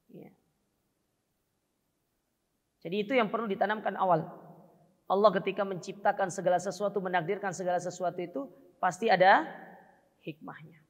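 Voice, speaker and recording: Gravelly preacher in a hall. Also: male voice, high voice. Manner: joking, conversational teaching with Arabic terms. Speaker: Islamic preacher. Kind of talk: religious study lecture. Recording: dull, reverberant hall recording.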